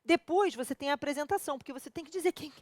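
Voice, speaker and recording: A woman's voice: high-pitched, racing, darkish tone, no echo, studio quality. A woman with a Brazilian accent teaching a law exam prep video lesson, colloquial and full of rhetorical questions to her students. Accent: Brazilian Portuguese. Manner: addresses viewers directly and familiarly.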